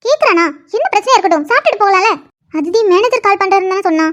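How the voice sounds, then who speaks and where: A woman voicing an anxious middle-aged aunt who gently scolds and worries. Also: very high voice, animated, rapid-fire. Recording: dull lo-fi sound.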